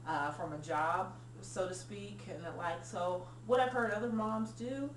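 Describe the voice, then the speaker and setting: A woman's voice: medium pitch, measured pace, reverberant, far from the mic, a little hiss or hum, poor audio. A woman, a nurse talking earnestly through a personal video diary with frequent ums. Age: 40s. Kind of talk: casual personal vlog.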